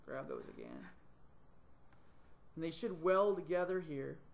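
A middle-aged man whose fairly high voice is gravelly and swings hugely in pitch guides viewers through 3D modeling in a screen-recorded tutorial. His narration is thought-out-loud, full of ums and on-the-spot corrections, picked up by a desktop mic in a small room with a webcam in the screen corner.

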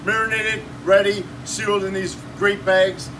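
Filmed on a phone by someone nearby, a shop owner in his fifties gives an energetic, salesy cooking demo in a small indoor shop office with a kitchen counter. His voice is high-pitched and his pace measured, and the casual promotional pitch comes through as distant phone audio with room noise.

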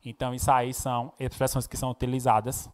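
A man's voice: mid-range voice, quick pace. Brazilian teacher man explaining with tag questions. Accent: Brazilian Portuguese, Pernambuco. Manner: explanatory, frequent tag questions, expressive when reading poems. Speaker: Portuguese teacher. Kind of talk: recorded classroom lesson with poem readings.

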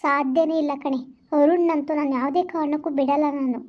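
A woman's voice: steady tone, highs cut off, close to an everyday voice. A woman playing Kavya, a jealous scorned lover. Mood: brooding. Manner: reproachful, quick and high-pitched. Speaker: amateur skit actor. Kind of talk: village vlog skit acting.

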